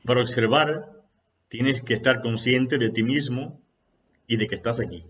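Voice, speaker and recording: A man voicing an older male spiritual master who answers a disciple calmly and matter-of-factly. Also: medium pitch, moderate pace, lo-fi sound, natural voice. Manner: calm, matter-of-fact answers.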